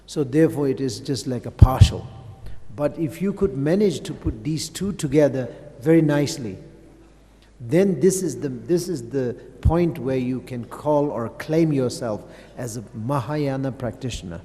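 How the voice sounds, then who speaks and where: A man with giving a Buddhist dharma talk in a large hall, halting and searching for words, with many fillers and restarts. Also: medium pitch, lively intonation, mellow. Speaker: Buddhist teacher. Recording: long hall reverb.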